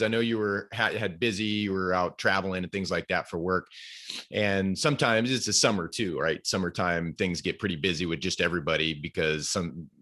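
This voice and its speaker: A man's voice: deep voice, fairly bright tone. A man giving upbeat, rambling feedback on a speech over a video call, with lots of restarts. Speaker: speech evaluator. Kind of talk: casual spoken feedback in an online club meeting. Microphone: computer mic on a video call.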